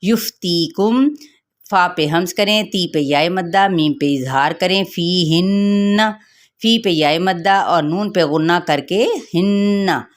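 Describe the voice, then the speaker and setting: A woman teaching Quran recitation rules, explaining each sound step by step in a patient instructional way. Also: fairly low pitch. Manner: slow, drawn-out melodic recitation of verses. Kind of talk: tajweed lesson, recitation then explanation.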